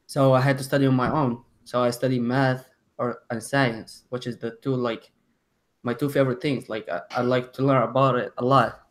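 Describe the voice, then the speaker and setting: Teen guy from syria, arabic first language, monotone, lots of "like" and restarts. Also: medium pitch. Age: teens. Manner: halting, many "like" fillers, self-corrections. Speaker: student panelist. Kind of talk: telling his story on a panel.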